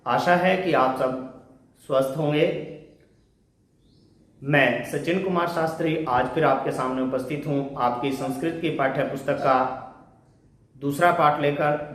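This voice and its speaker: A middle-aged man with a Hindi accent teaches an online class in a high voice. He asks a question, then patiently gives the answer himself. The sound bounces around a very echoey room, and he stands a little back from the mic. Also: distant mic. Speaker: Sanskrit teacher.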